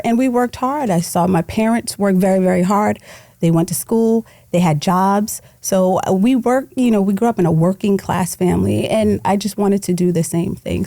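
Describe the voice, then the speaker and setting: A woman's voice: on the low side, vocal fry, mellow, dry recording, clean studio sound. A woman from Guyana talking as a guest in a podcast interview, emphatic and affirming. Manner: emphatic, affirming, repeats words for stress. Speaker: podcast guest, higher education consultant. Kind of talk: conversational interview.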